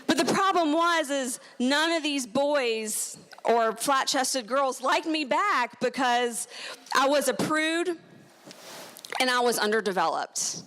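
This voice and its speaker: A woman's voice: sits high, slow pace. Self-mocking woman doing stand-up. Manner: self-deprecating, deadpan punchlines with playful voiced quotes. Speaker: stand-up comedian and show host. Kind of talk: stand-up comedy set. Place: comedy stage with live audience.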